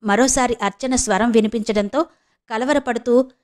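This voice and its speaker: Woman reading a novel aloud, slightly high. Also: steady tone, normal speed. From Andhra Pradesh, India. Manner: reads the characters' lines with small shifts of pitch and pace. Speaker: audiobook narrator. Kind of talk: storytelling narration of a novel.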